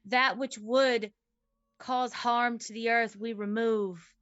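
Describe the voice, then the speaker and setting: A woman playing an earnest forest protector in a tabletop game, speaking in formal, measured, oath-like phrases. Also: fairly high pitch, steady tone, fairly bright tone, dull audio. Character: solemn, earnest forest protector pleading for peace. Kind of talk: tabletop game role-play.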